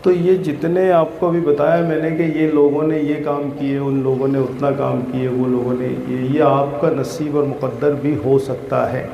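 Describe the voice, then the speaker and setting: With a gravelly, medium-pitched, level voice, a man speaks at a moderate pace and barely pauses while motivating schoolchildren at an outdoor gathering. Fatherly in tone, he calls them "beta" and quizzes the crowd, while the dull-sounding recording carries a roomy echo and some background noise.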